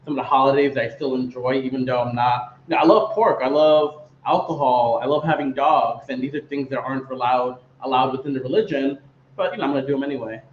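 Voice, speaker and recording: Fast-talking man in an echoey room. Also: medium pitch. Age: 30s. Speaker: guest, crypto project founder. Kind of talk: casual podcast conversation. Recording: echoey, dull remote audio with faint noise.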